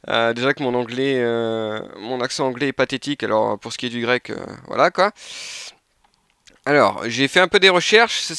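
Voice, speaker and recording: A man with a bright, crisp voice reviews a replica in a relaxed, chatty way. He hesitates often, restarting phrases and filling pauses. The sound is close and dry, with no room around it. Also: medium pitch, no echo. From France. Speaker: airsoft reviewer. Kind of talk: casual product review talk.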